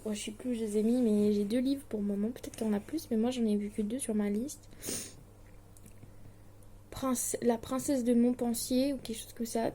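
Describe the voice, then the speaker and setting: A teenage girl from Switzerland talks casually to her viewers from her study desk at home, her voice mellow and a little high. She hesitates often, fills pauses, and sounds anxious and self-deprecating. A faint hiss sits under the recording. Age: late teens. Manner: chatty, hesitant, with many fillers and restarts. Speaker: distance-learning student vlogger. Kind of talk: casual chat to camera.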